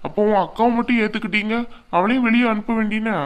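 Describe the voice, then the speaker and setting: In cartoon voice acting, a woman plays an older father-in-law, firm and fatherly, in a reasoning mood. Her voice is on the high side and close to everyday speech, with a steady tone and quick pace.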